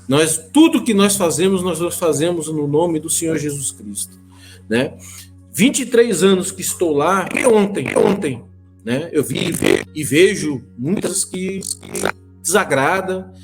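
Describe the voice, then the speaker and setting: A man, calling into a live stream and giving a halting, repetitive, earnest testimony. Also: a little high. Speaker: caller from a congregation.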